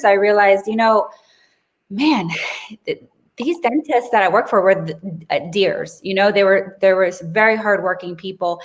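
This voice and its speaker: A woman in her thirties, a guest in an interview, recounting her path in a chatty, talkative way. She often restarts her sentences and laughs easily. Her voice sits at an ordinary middle pitch. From Brazil, raised in South Florida. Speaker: guest expert. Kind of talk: casual interview storytelling.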